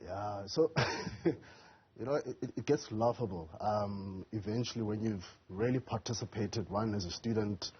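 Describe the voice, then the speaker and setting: Emphatic male guest; breathy, husky timbre; muffled broadcast audio. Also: on the low side. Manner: emphatic, keeps stressing his key words. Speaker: youth business advocate and entrepreneur. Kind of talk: live TV panel discussion.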